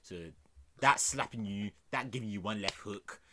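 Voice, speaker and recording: A man's voice: fairly low pitch, normal speed, noisy background. A young man with a London roadman accent, chatting casually in heavy street slang with repeated conversational tags. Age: young adult.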